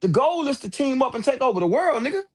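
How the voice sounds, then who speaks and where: A man with a notably high voice talks straight to his viewers over livestream headset audio. His delivery is loose, slangy and fired up, with the unpolished feel of a home stream. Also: very animated, fast talker, darkish tone. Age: adult with several children. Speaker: livestream host. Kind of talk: casual livestream talk.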